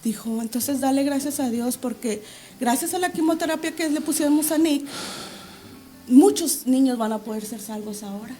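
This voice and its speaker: A woman with a high voice tells her religious testimony as a guest on an interview show. She speaks with fervor and reenacts her pleas to God aloud. She sounds middle-aged. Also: normal speed, mellow, faint music behind.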